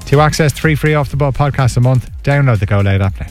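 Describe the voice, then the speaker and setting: An Irish man reads sports news from a script. His voice sits at an average pitch, in bulletin style over a quiet music bed. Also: fast talker. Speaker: sports newsreader.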